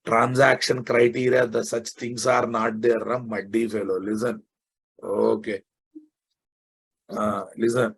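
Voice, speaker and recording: Husky Telugu-accented Indian man teaching, slow pace. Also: mid-range voice, flat delivery. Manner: blunt, scolding, repeats phrases emphatically. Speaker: software programming teacher. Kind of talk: informal live online lecture.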